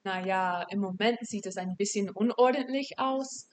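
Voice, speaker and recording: A woman's voice: mid-range voice, normal speed, a little hiss or hum. Young American woman speaking learner's German. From United States. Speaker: podcast guest. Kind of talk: casual interview answers.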